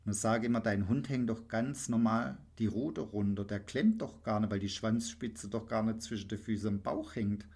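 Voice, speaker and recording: A man working as a dog trainer, talking bluntly and emphatically in a casual podcast chat, acting out his clients in quick back-and-forth. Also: lowish voice, gravelly, darkish tone, slightly rough.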